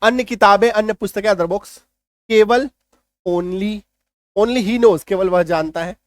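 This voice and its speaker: A man teaching English vocabulary in a patient, step-by-step way, stopping often to check understanding. His voice sits high for a man. The sound is dry and close, with no room around it. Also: slow, no echo. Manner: patient explaining, repeats checks like "clear?". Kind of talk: Hindi-language English vocabulary lesson.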